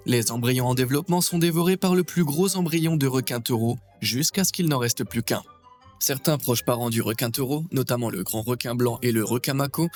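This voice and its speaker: A man's voice: mid-range voice, darkish tone. A man reading scripted nature documentary narration, with a wry and playful manner.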